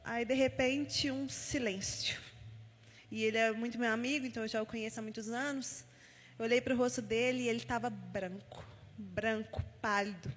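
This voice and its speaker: A woman gives a heartfelt personal testimony at a church service, frequently recounting conversations as she tells her story. Her voice is somewhat high, with a steady tone and normal speed, and the large church hall adds long reverb.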